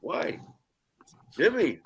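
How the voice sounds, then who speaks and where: A man's voice: fairly high pitch, huge pitch swings, extremely slow, vocal fry, breathy edge. A young man hosting a casual online panel chat, slangy and laughing often. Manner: laid-back slangy banter, laughs often. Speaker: host.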